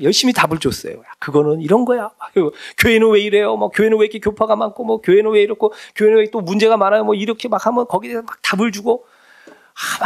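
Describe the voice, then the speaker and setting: A middle-aged man preaching as a pastor, talking to the congregation in a conversational way and asking many questions. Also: high voice. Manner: animated, conversational preaching with frequent rhetorical questions. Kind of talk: sermon.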